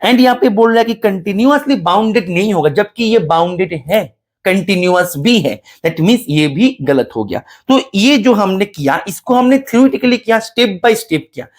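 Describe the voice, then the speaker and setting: Lively man teaching math. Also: high voice, normal speed. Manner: explains step by step, addresses students as beta, mixes English terms. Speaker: mathematics teacher. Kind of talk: exam-solution math lecture.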